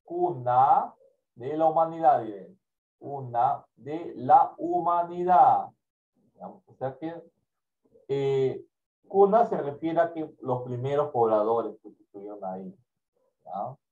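A male primary school teacher, giving a class slowly and checking in often with his students. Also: mid-range voice, expressive, mellow, dull audio. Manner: slow, repetitive, checks in with "¿ya?". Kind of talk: online class lecture.

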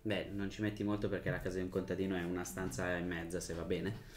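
A man narrating a tabletop role-playing game as game master, describing scenes in a measured, storytelling way. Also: sits low, little pitch movement.

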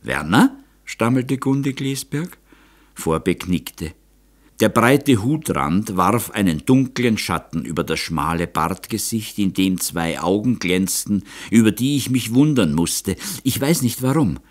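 A man doing a calm, thoughtful painter. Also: on the low side, a little slow. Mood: reflective. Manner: calm, reflective storytelling. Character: calm grown male painter, gentle and thoughtful.

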